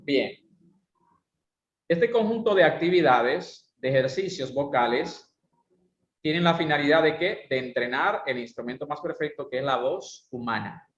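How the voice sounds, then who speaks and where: A man's voice: fairly high pitch, animated, measured pace. A man teaching a speaking and voice class, explaining exercises and often asking rhetorical questions. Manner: didactic, asks rhetorical questions. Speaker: voice and speaking instructor. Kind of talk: online class lecture with exercises. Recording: roomy, dull lo-fi sound.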